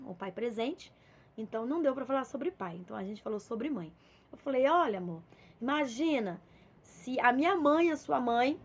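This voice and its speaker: A young adult woman with a Minas Gerais accent, giving an informal devotional talk, telling a homely story and acting out bits of dialogue. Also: on the high side. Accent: Minas Gerais Portuguese. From Minas Gerais, Brazil. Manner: conversational, storytelling with acted dialogue. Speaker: preacher.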